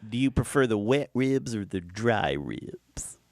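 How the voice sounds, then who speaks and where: A man's voice: lowish voice, big pitch swings, a little slow, creaky, darkish tone, no room sound, clean studio sound. A man hosting a chatty, informal interview, talking familiarly to his guest. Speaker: interview host. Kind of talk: casual chatty radio interview.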